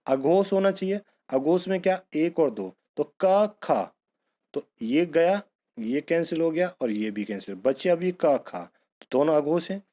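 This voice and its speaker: A man's voice: fairly high pitch, animated, unhurried, dark tone. A man teaching an exam-prep grammar lesson, who asks a question and then answers it himself, calling his students bhaiya and beta.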